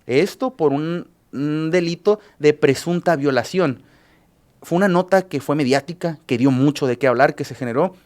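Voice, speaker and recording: This is a journalist on a radio show going back over news cases, a man with a Mexican Spanish accent whose speech halts often with filler sounds and restarts. He has a fairly high pitch and a darkish tone.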